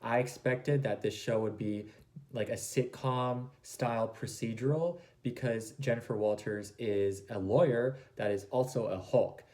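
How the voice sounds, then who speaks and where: A man's voice: mid-range voice, measured pace, mellow. Enthusiastic, rambling man giving fan commentary. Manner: enthusiastic, gushing. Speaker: reaction video host.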